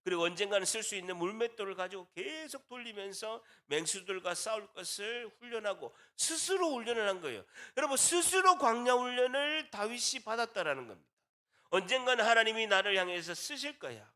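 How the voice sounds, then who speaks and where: A man's voice: sits high, sing-song, a little fast, few pauses, pushed and bright. A man with a Gyeongsang accent preaching a sermon as pastor, repeating key phrases and asking rhetorical questions. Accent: Gyeongsang Korean.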